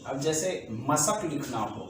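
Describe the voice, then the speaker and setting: A man teaching a shorthand class in Hindi, explaining rules slowly and checking whether the students have understood. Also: medium pitch, expressive, music in the background. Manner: slow, repetitive explaining, asks the class checking questions. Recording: echoey room, voice from far off, faint background noise.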